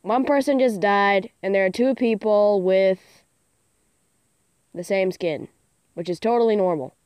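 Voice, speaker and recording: Teen girl gamer, hyper and giggly, rambling with "like"; slow-paced, clean dry phone-mic sound. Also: mid-range voice, a little mellow, clean tone, no room sound, muffled recording. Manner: rambling, filler-heavy chatter with lots of "like". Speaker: gaming channel host. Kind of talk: casual let's-play commentary. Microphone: phone screen recording mic.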